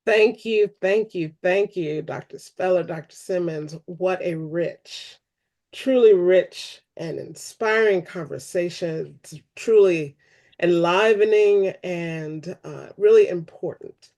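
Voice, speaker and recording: A woman hosting a church discussion, speaking unscripted closing remarks in an earnest, appreciative and measured manner. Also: on the low side, darkish tone. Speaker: host of a church webinar.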